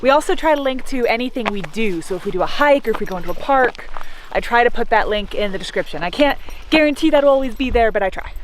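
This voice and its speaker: A woman's voice: fairly high pitch, expressive, quick pace. A woman co-hosting a travel vlog, talking in a plain, practical, conversational way. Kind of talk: casual, informative vlog talk. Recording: noisy location audio with vehicle-like ambience.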